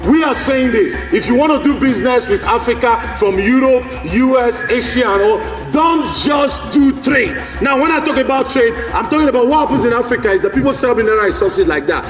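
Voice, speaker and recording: A man's voice: very high-pitched, animated, a little fast, few pauses, over music. A man giving a rousing speech to a live audience at a forum, repeating lines and calling out to the crowd. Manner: exhorting, repetitive, calls out to the crowd. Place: large hall at a live forum. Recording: echoey hall, voice from a distance.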